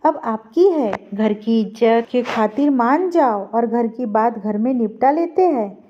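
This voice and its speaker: A woman's voice: on the high side, expressive, unhurried. A woman reading as a coaxing older mother-in-law. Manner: gentle, coaxing. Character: older mother-in-law, soft persuasive matriarch. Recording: dull lo-fi recording.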